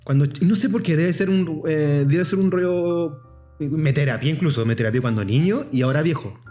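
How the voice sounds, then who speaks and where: A man with a Chilean accent, chatting casually on a podcast in an expressive, self-mocking way. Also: a little high, moderate pace, soft background music. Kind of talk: casual chat.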